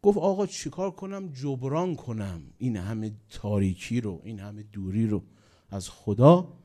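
Dark-voiced man preaching a mournful sermon. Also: fairly low pitch, expressive. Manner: swings between loud exclamations and hushed, mournful lines. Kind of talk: religious sermon with storytelling.

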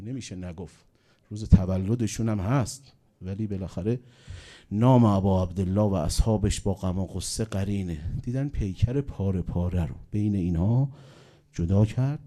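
Dark-voiced man preaching a mournful sermon. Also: deep voice. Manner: swings between loud exclamations and hushed, mournful lines. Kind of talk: religious sermon with storytelling.

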